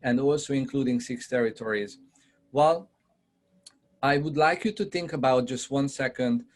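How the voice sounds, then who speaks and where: Addressing realtors in an online video-call presentation, a man from Hungary speaks conversationally at a medium pitch with a Hungarian accent. He pauses often, using fillers, and keeps asking his audience questions.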